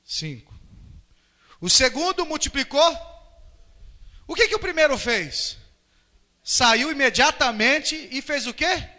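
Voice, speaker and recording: A high-pitched, bright-voiced Brazilian man preaching from the pulpit. He swings his voice widely, acting out little scenes and quotes. A long church reverb trails after his words. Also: takes it slowly, long pauses. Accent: Brazilian Portuguese. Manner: animated, acts out quotes and voices. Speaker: pastor. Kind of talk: sermon. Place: church hall.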